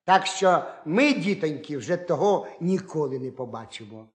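A man narrating a folk tale for children in an expressive, lively way. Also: on the high side, normal speed. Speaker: storyteller. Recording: roomy echo.

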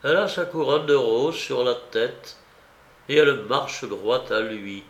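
A male audiobook reader narrating a classic novella in a measured, grave manner. His voice is gravelly and his delivery unhurried. The reading sounds roomy, with a noticeable echo. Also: mid-range voice, a bit bright. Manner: slow, measured, grave storytelling. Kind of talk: scripted literary narration.

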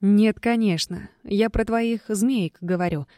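A woman's voice: mid-range voice, a little slow, dark tone, dry recording, studio quality, close to an everyday voice. A woman voicing a giddy young heroine dazed by magical exhaustion, babbling with childlike wonder.

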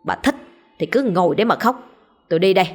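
A woman's voice: medium pitch, animated, a little fast. A woman doing a drunken, scornful young man. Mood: scornful, raging. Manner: shouting insults, scornful. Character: drunken, foul-mouthed young man, defiant son.

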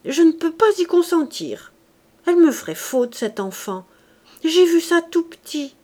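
A woman reading the part of a scheming male innkeeper who haggles with feigned tenderness, in a slow, wheedling voice. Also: fairly high pitch, lively intonation, a little mellow. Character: greedy scheming male innkeeper, smooth-talking.

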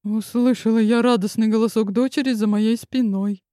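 A woman narrating a comic audiobook in a lively, theatrical reading style. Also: fairly high pitch, normal speed, no room sound, studio quality.

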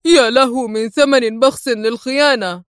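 A woman's voice: a little high, normal speed, no room sound, clean studio sound, natural voice. Defiant proud prisoner, read by a woman. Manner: stern and scornful. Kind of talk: audiobook character reading.

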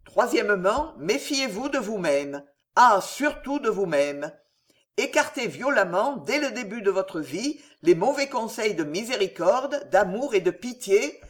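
A reader voicing a stern old soldier father who gravely lectures his son in a storybook reading. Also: medium pitch, natural voice. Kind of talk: audiobook character reading.

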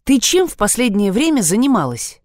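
A woman voicing a brusque male police officer with a brisk, teasing manner. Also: fairly high pitch, sing-song, dry recording, clean studio sound.

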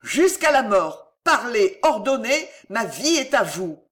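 A reader voicing a scheming old male steward who pleads and swears his devotion in a raised, effusive voice, pitched above the reader's own. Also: very animated, normal speed, fairly bright tone. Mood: fervent devotion. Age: older.

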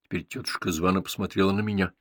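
A man narrating an audiobook in calm, even storytelling. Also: deep voice, quick pace, dry recording, clean studio sound. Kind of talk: scripted narration.

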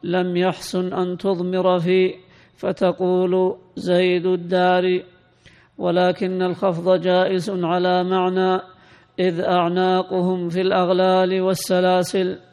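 A man reads a classical text aloud in a high, unvarying recitation, his voice smooth and resonant. A long reverb trails his words in a hall. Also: measured pace. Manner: recites in a steady, lilting reading tone. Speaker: student reading the text aloud. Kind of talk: chanted reading of a classical text.

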